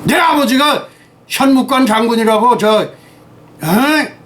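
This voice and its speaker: A man's voice: very high-pitched, takes it slowly, fairly bright tone. A man in his eighties preaching in a rambling, scolding way. He is teary and sniffling, hurls insults and keeps asking his listeners whether they understand. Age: 80s. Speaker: pastor. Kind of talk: rambling sermon and political rant.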